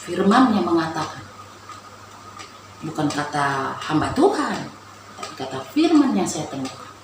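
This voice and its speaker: A woman's voice: low voice, very animated, measured pace. A woman giving a personal faith testimony, telling her story in an earnest and emotional way. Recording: very echoey room with background noise.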